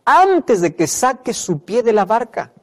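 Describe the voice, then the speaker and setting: A male preacher delivers a sermon with a lively, swinging delivery that rises and drops sharply. He stresses his points by repeating phrases and putting questions to his listeners. His voice carries a long echo from a large hall. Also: very high voice, a little slow. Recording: reverberant hall.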